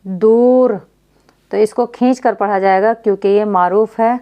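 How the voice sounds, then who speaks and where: A woman's voice: medium pitch, fairly even intonation, moderate pace, dull audio. A woman teaching beginners to read Urdu, spelling out letters and sounds and asking questions that she answers herself. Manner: patient, asks questions then answers them herself. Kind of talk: beginner Urdu reading lesson.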